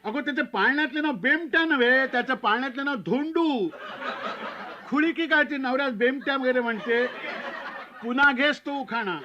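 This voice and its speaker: A man playing a gruff old bachelor uncle who shouts and scolds in a high, loud voice. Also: normal speed, highs cut off, noisy background. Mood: scolding.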